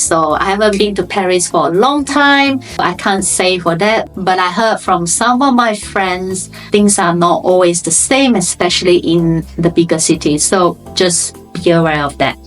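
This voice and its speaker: A woman's voice: fairly low pitch, moderate pace, few pauses, faint music behind. A woman in her thirties from Malaysia with a Malaysian English accent, chatting informally to camera in a vlog with loose grammar. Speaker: vlogger. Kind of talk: casual chat to camera.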